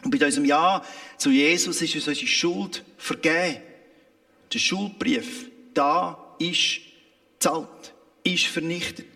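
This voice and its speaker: High, bright Swiss German preacher. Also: male voice, slow, vocal fry, long reverb tail. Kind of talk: sermon.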